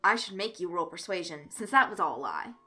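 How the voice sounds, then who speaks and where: A woman's voice: lowish voice, sing-song, a little fast, pushed and bright, soft background music. A woman reading a fanfic aloud, voicing an exasperated teenage boy running a tabletop game.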